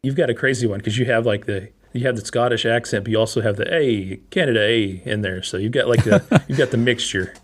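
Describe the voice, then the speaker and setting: A man's voice: mid-range voice, fast, hardly any pauses, breathy edge. A man hosting a podcast, reading sponsor spots and chatting with his guest in an upbeat, enthusiastic way. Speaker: podcast host. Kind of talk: ad reads and interview chat.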